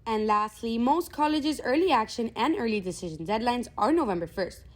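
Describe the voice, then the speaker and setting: A woman's voice: on the high side, expressive, fairly quick. Teen girl reading school announcements. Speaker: student announcer.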